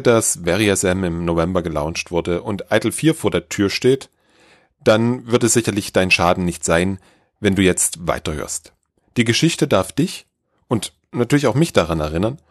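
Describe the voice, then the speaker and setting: A man hosts a podcast and reads an upbeat, scripted announcement straight to the listener. His voice is on the low side. The sound is close and dry. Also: no echo. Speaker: podcast host.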